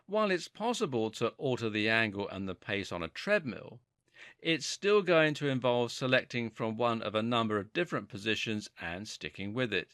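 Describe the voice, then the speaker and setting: A man narrates scripted fitness instruction with a bright, forward tone and very animated intonation. He explains each point articulately, and the sound is dry and close, free of room reflections. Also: medium pitch, normal speed, dry recording.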